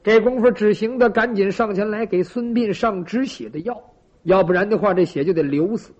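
A man's voice: sits high, a little fast, a little mellow. A man telling a traditional story dramatically, with sound effects and asides to listeners, in a lo-fi recording. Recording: lo-fi dull recording.

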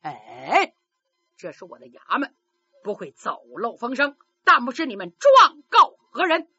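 A woman voicing a calm, authoritative male magistrate who speaks in a measured way. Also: high-pitched, breathy edge, dry recording, highs cut off, full character voice. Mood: commanding.

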